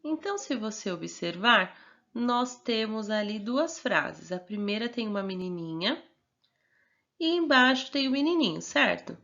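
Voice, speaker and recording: Woman, teacher, Brazilian Portuguese accent, raised pitch, patient, sounds out syllables, muffled lo-fi recording. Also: lively intonation, measured pace, fairly bright tone. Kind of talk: recorded remote lesson for young children.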